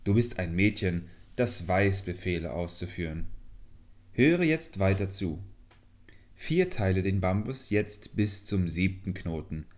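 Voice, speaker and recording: A man's voice: sits low, lively intonation, a little slow. A man reading a storybook, voicing a tiny young man trapped in a bamboo stalk who first pleads and then gives commands. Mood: instructing.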